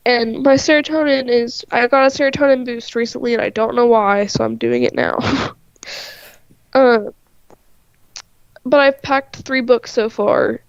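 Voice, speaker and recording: Slightly high, gravelly yet smooth, this woman's voice comes slowly with frequent pauses and no echo. She's an artist in casual chat on a livestream, congested and nasal from a stuffy nose, laughing often and peppering her speech with "like"; the stream audio is dry, dull and lo-fi.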